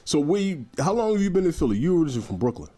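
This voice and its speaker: Racing along with a fairly high, dark-toned voice and big swings in pitch, this man hosts a casual podcast conversation. His manner is relaxed and chatty, and he keeps the talk flowing with brief replies.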